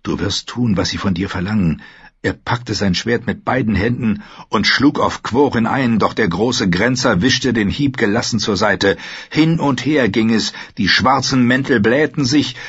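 A man reading a fantasy novel aloud as scripted narration, steady and measured. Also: mid-range voice, breathy edge, no room sound, dull audio. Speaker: audiobook narrator.

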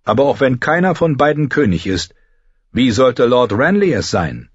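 A grave young lord, stubborn and grim, carried through in a husky register as a man reads him aloud. His pitch moves in lively swings, and the sound is dry and a little dull, like an audiobook. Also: normal speed, no echo. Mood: grim, firm. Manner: firm, grim.

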